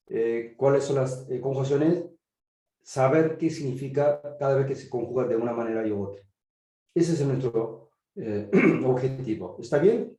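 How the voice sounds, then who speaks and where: A teacher of biblical Greek, a Korean-accented man speaking Spanish as a second language, gives an online grammar lecture and often asks "¿sí?" to make sure students are following. His voice is mid-range and dark in tone, in a reverberant space.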